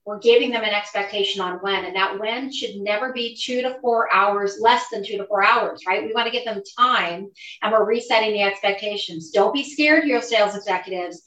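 A woman business coach giving energetic, instructive advice on a podcast. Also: medium pitch, normal speed, few pauses. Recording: roomy, mic a bit distant.

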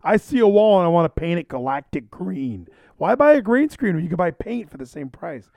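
A man's voice: sits high, sing-song, fairly quick, creaky, a little mellow, no echo. Rambling male podcast host, dry sound. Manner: rambling, self-interrupting, repeats phrases. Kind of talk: casual chat. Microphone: handheld microphone.

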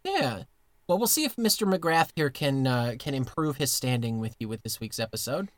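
A man's voice: medium pitch, expressive, moderate pace, no echo. Give me a rambling male podcast co-host recording inside a closet, with a dead, dry sound. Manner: rambling storyteller with many fillers and restarts. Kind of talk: casual comedic chat.

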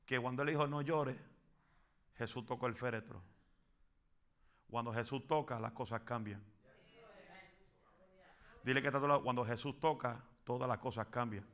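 A man preaching a fervent Pentecostal sermon, building to shouts and dropping in English phrases. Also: mid-range voice, fairly even intonation, moderate pace, long pauses.

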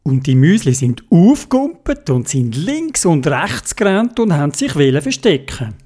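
A woman's voice: sits low, very animated, a little slow, slightly rough. Sing-song Swiss German storyteller woman. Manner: gentle, sing-song and playful. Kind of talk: children's story narration.

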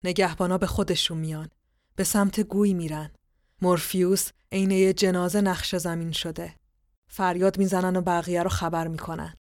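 Woman, lowish voice, calm scripted story narration, dry close recording. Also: no echo. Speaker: podcast storyteller.

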